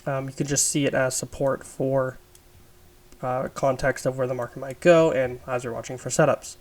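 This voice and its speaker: A man with a raspy, under-the-weather voice gives an informal, explanatory chart review as an instructor, thinking aloud as he goes. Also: medium pitch, level tone, moderate pace, darkish tone. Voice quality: raspy, smoker's-rasp sound. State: sick, raspy voice. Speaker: trading instructor.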